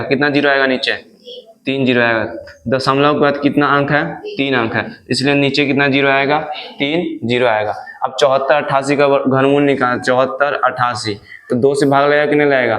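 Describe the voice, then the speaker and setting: A man's voice: medium pitch, a bit bright. A male maths teacher, giving a classroom lesson and asking questions he answers himself. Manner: asks questions and answers them himself, repetitive drilling. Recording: echoey room.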